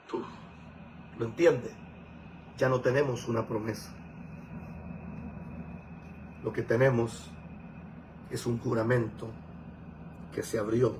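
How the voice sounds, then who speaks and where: A man's voice: mid-range voice, noisy background. A man preaching a sermon as a pastor, emphatic and scolding. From Venezuela.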